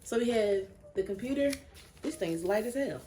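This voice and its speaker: A young woman chatting excitedly and a bit breathlessly while unboxing a new laptop for her vlog. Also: mid-range voice, moderate pace, soft background music. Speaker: vlogger.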